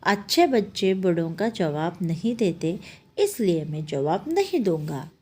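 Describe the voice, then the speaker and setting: Woman doing a naughty boy, innocent talk-back, slow, singsong. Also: on the low side, big pitch swings, dark tone, breathy edge, full character voice. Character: mischievous but innocent young boy.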